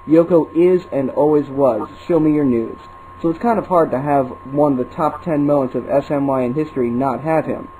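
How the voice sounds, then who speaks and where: A man's voice: a little high, normal speed, mellow, slight background noise, low-quality recording. A man reading a scripted countdown entry in an earnest, explanatory way. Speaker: co-creator of the video. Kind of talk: scripted voice-over.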